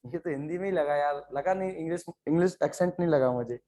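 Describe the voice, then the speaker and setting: A man's voice: fairly high pitch, quick pace, dark tone. A man from India teaching a biology class online, explaining in Hindi with English terms and calling on students by name. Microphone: online class setup.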